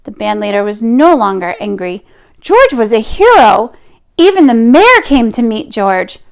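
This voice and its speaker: With a slightly high, creaky voice, a woman reads a picture book aloud for children. Her delivery is expressive, with elongated emphasis and chatty remarks.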